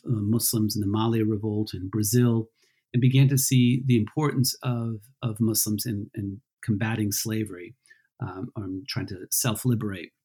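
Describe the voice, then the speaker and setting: A man from Peru, a historian, talks through his background as an interview guest. His voice is low and husky, and he pauses often with ums and restarts as he thinks aloud. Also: mellow. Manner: thoughtful, many ums and restarts. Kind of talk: casual interview answers.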